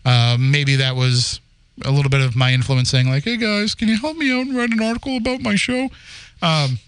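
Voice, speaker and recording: Fairly high-pitched, a bit bright and smooth, this man talks a little fast as he hosts his podcast. In his forties and originally from the Boston area, he tells its story in a loose, chatty way, restarting often and laughing along.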